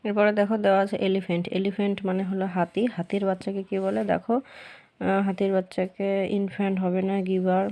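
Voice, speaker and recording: A woman teacher, explaining a children's workbook lesson patiently and repeating the answers slowly. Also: mid-range voice, little pitch movement, mellow, a little hiss or hum.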